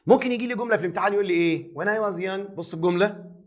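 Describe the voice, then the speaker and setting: Egyptian male English teacher, high-pitched and rapid, lively lecturing style with rhetorical questions. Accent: Egyptian Arabic. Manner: lively, teasing, asks and answers his own questions. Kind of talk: exam review lesson.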